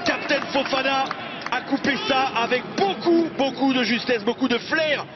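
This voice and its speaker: A man giving excited live football commentary, exclaiming and stretching out key words as play unfolds. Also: very high-pitched, normal speed, background noise. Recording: dull lo-fi broadcast over loud crowd. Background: loud stadium crowd.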